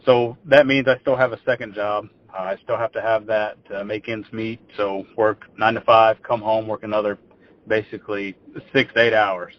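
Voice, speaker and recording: A Texan man in his twenties tells his story as a podcast guest, rambling casually and repeating words as he starts phrases. His lowish voice is steady at a moderate pace, with slight background noise and dull lo-fi audio.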